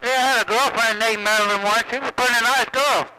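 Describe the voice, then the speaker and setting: A man's voice: very high voice, fairly even intonation, fast talker. A man chatting over CB radio, joking and playfully boasting in casual banter with other operators. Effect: heard over CB radio. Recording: static-laden CB radio reception.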